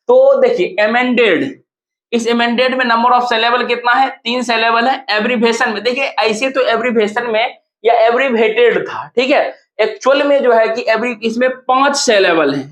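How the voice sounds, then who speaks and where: A man's voice: high-pitched, fairly bright tone. A male coaching teacher, going over exam answers step by step and spelling words out letter by letter. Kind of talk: exam answer review lesson. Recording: echoey room.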